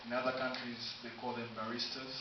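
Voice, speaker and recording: A man from Tanzania stands in a university room and delivers a formal campaign speech for student council, laying out his points one by one with slow pauses. The camera picks him up from a distance, so his voice rings through heavy room echo. The sound is dull and carries a steady hiss. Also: medium pitch. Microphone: camera from afar, no mic.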